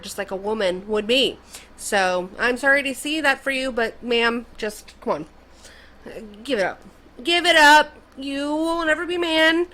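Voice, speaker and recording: Sarcastic woman commentary host, bright and forceful, slightly high. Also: poor audio. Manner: sarcastic, mocking, repeats "okay?". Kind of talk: opinionated commentary rant.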